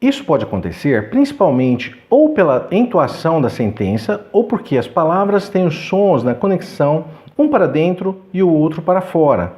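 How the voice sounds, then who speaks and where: Homem com sotaque brasileiro dando aula de inglês, fala devagar nos exemplos, entonação bem viva. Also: male voice, fairly high pitch, sing-song, a little mellow. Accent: Brazilian Portuguese. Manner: explains clearly, slows down to model English sounds. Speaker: English teacher. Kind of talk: scripted lesson.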